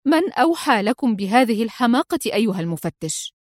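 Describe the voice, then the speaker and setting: A woman voicing a calm, stern male crime boss in a read-aloud spy story. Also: a little high, fairly quick, no echo, studio quality. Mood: stern grave. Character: grave, commanding older male crime boss.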